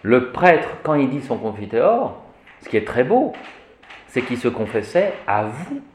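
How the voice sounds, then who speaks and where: A man teaching Latin in a classroom lecture, animated and fond of vivid examples, often checking that his listeners follow. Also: medium pitch, unhurried, reverberant, background noise. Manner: animated, repeats "vous voyez", vivid examples.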